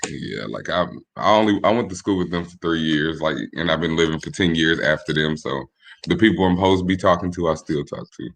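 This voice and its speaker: A podcast guest in his late twenties, raised in Michigan, answers questions in a very deep, low voice. His manner is relaxed and laid-back, though he pauses and restarts sentences often during the casual interview chat.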